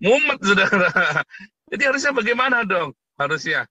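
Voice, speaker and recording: Bright-voiced man ranting mockingly. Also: high-pitched, sing-song, unhurried, breathy edge, no echo. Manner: mocking, crude, with constant rhetorical "ya kan?" tags; grows louder and more heated. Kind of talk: ranting monologue commentary.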